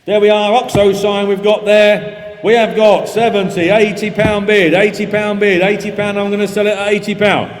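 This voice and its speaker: A man working as an auctioneer, calling live bids in a rapid, repetitive patter. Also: high voice, level tone. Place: large reverberant auction room. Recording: echoey hall PA, music behind.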